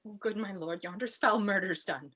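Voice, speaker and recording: A woman's voice: medium pitch, normal speed, a bit bright, husky. A woman playing a loyal, outspoken maidservant, impassioned and declamatory, in a Shakespearean tragedy reading. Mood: hushed dread. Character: loyal, outspoken, fiery maidservant to a murdered lady. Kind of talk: Shakespearean tragedy cold read.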